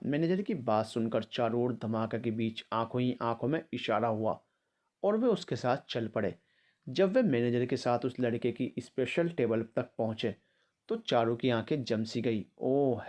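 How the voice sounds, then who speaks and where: A man narrating a written family story, reading all the characters' lines himself in a mostly even voice. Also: mid-range voice.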